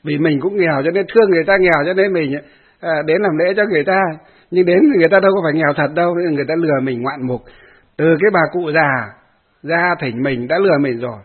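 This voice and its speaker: A male Buddhist monk tells a story in a sermon, lively and talking straight to his listeners. His voice sits fairly high with a husky grain. The audio is thin and phone-like. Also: fast talker. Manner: animated storyteller who laughs along and addresses the audience.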